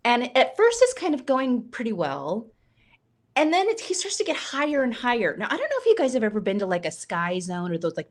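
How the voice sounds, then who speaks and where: Animated woman telling funny stories. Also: medium pitch. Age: 40s. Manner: lively comic storyteller acting out quoted voices. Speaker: humor writer. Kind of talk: animated storytelling.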